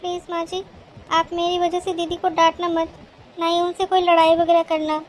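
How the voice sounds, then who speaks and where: A scheming young daughter-in-law in a cartoon, played by a woman, who complains in a sugary, whiny tone to get sympathy. Her voice is very high. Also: completely flat delivery, normal speed, a little hiss or hum. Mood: whining. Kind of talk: cartoon voice acting.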